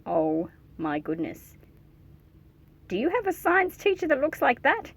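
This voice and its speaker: With a voice that sits high and a gravelly texture, a woman takes her time reading a children's picture book. She performs it expressively and playfully, speaking directly to the kids listening and adding chatty asides.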